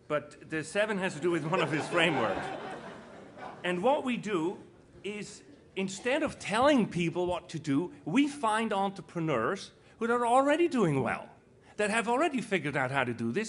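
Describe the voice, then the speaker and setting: His voice sits high with a sing-song lilt at normal speed: a middle-aged Swiss entrepreneur and foundation co-founder on an indoor conference panel. He talks informally and earnestly to the live audience, using rhetorical questions and repetition to drive points home, and the room's background noise is clearly heard.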